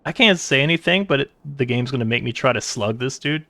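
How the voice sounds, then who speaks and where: A man's voice: mid-range voice, lively intonation, brisk, pushed and bright, no room sound. A man reacting casually to a video game during a live playthrough. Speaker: gaming streamer. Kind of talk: live let's-play commentary.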